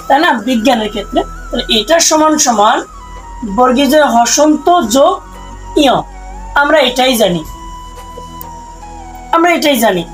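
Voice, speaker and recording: High-voiced woman teaching Sanskrit pronunciation. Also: low-quality recording. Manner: explains slowly, asks and answers her own questions. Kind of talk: step-by-step lesson.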